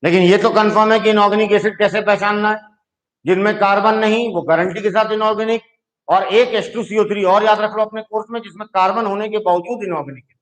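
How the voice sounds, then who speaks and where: Speaking fast in a high, fairly even voice, a man lectures on chemistry, breaking things down step by step. He keeps checking on his class with "ठीक है" in a patient way, and the recording is low-quality.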